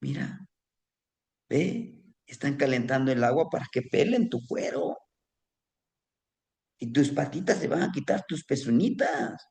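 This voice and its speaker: A man's voice: medium pitch, expressive, a little slow, vocal fry, pauses often, a little mellow. A man voicing a wise, patient male donkey who earnestly warns his friend in a told folk tale. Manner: earnest, admonishing.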